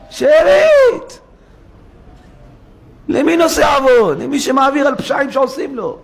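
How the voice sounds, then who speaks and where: A man giving a sermon as a rabbi in a synagogue, preaching with animation and acting out rhetorical questions and quoted voices. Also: high voice.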